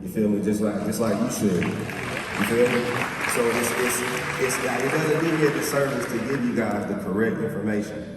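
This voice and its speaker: A man's voice: medium pitch, moderate pace, over loud music. A man in his twenties speaking to a live audience, boastful and slangy, often asking "you feel me?". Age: 20s. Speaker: guest speaker. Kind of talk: motivational talk to a live audience. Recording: echoey hall, far from mic, crowd noise.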